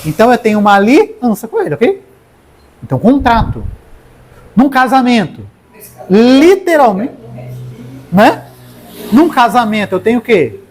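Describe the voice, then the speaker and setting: This preacher's voice is extremely high, and he speaks unhurriedly with long pauses. A man with a Brazilian Portuguese accent, he animatedly calls out to people in the congregation by name.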